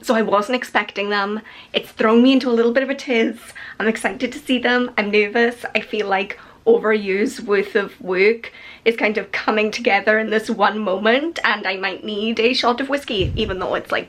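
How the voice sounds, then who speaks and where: A young woman vlogging casually to camera, chatty and excitable, rambling with lots of "like"s and sounding tired. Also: medium pitch, normal speed. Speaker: vlogger and author. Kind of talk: casual vlog chat to camera.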